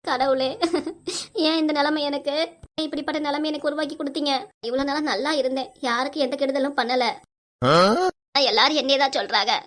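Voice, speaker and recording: A woman voicing a lonely, tearful middle-aged wife in a cartoon comedy, with a Tirunelveli Tamil accent and a plaintive, sharp-tongued manner. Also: sits high, fairly quick, long pauses. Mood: weeping.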